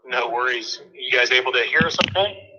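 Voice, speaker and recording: A man's voice: medium pitch, fairly quick, pushed and bright. A man heard over a speakerphone, giving a friendly, informal project update to a meeting. He talks in loose phrases with plenty of fillers. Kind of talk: informal remote presentation. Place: remote, calling into a meeting. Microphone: phone. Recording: muffled speakerphone line.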